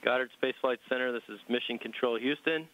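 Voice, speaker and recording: A man's voice: medium pitch, brisk, dull audio. A man acting as mission control communicator, making clipped, formal radio calls over a distant space-to-ground radio link. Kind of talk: radio call procedure.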